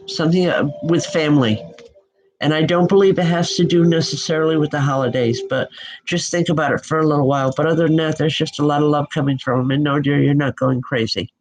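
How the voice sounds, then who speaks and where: Speaking low and a little mellow, a psychic medium from the Northeastern US livestreams a spiritual reading despite a nasal head cold. Her talk is chatty, warm and rambling, packed with fillers, on a low-quality recording.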